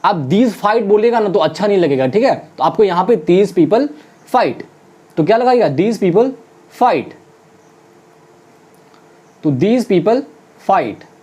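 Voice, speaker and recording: Mellow-voiced teacher drilling examples. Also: medium pitch, lively intonation. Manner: addresses viewers as friends, asks and answers its own questions; repeats English example sentences slowly, word by word. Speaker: spoken English teacher. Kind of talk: online classroom lesson.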